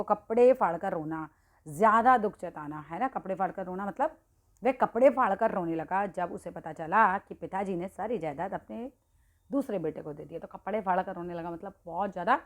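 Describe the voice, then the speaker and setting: A Hindi teacher with a lowish voice and moderate pace explains idioms in a casual exam-prep lesson. She talks to her students directly in a conversational way, checking in often and correcting herself as she goes.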